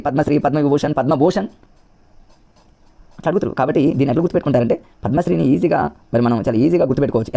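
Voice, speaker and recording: A man's voice: fairly high pitch, gravelly, dark tone. A man coaching exam candidates, explaining memory tricks in a repetitive, coaxing way and often calling his viewers friends. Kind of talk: rapid classroom-style explanation.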